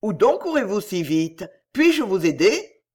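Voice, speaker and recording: A man reading aloud, voicing a huge Roman officer who speaks calmly and politely. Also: high-pitched, a little slow, full character voice.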